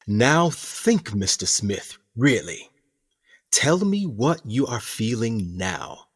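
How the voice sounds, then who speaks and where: In a radio play, a male actor voices a smug, theatrical captain of a sinister prison colony, speaking pompously, deliberately, and condescendingly. His exaggerated voice is medium-pitched, very animated, and slightly rough, with a coolly authoritative mood.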